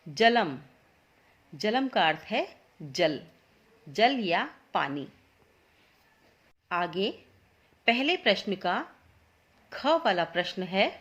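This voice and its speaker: Slow, patient woman teacher. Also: mid-range voice. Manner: patient, repeats each word slowly for students. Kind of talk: explaining a school lesson.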